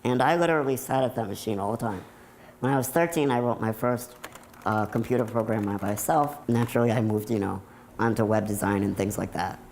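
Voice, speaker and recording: A man's voice: fairly low pitch, fairly quick, a little mellow, a little hiss or hum. A nineteen-year-old man with an American accent, talking candidly and matter-of-factly in a casual documentary interview style. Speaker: computer programmer telling their own story.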